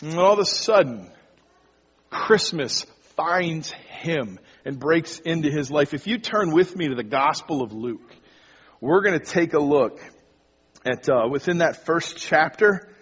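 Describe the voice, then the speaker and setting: A man's voice: fairly high pitch, lively intonation, measured pace, a bit bright, husky. A man preaching a sermon as pastor, talking casually and directly to his congregation. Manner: conversational, addresses the congregation casually. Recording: dull lo-fi sound with long hall reverb.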